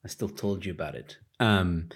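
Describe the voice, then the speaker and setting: A man's voice: low-pitched, normal speed, husky. A man co-hosting a podcast, chatting casually and joking, with many fillers and restarts. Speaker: podcast co-host.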